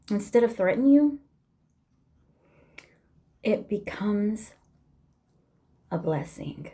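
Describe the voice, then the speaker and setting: A woman's voice: medium pitch, a little mellow. A woman delivering an inspirational faith-based monologue to camera, emphatic and drawn out, with some words dropped to a near whisper. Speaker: vlogger.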